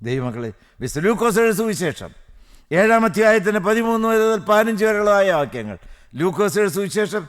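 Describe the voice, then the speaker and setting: A man preaching a fervent sermon, swinging between hushed prayer and loud cries with repeated hallelujahs. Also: sits high, big pitch swings, brisk, clear, resonant tone.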